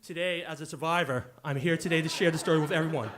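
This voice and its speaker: Animated high-voiced man telling a story. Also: fast talker, very noisy. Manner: animated, acts out dialogue with loud bursts. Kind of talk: live storytelling on stage. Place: club stage with audience.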